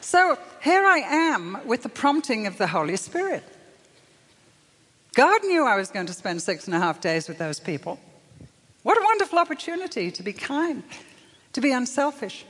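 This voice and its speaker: A woman's voice: a little high, sing-song, normal speed, a bit bright, breathy edge. An older woman telling a story in a sermon as a preacher, acting out the voices in it with lots of animation. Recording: long hall reverb.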